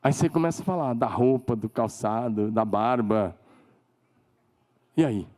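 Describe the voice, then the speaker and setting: A man with a Brazilian Portuguese accent preaching a sermon as pastor, emphatic, leading call-and-response and climbing to shouted declarations. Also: medium pitch, lively intonation, unhurried. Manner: leads the congregation in call-and-response.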